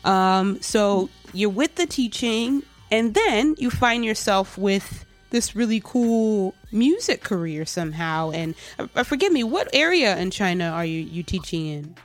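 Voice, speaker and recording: A woman hosting a casual interview chat who talks in a relaxed, encouraging way and laughs easily. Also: medium pitch, unhurried, hardly any pauses, faint music behind. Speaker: host, teacher.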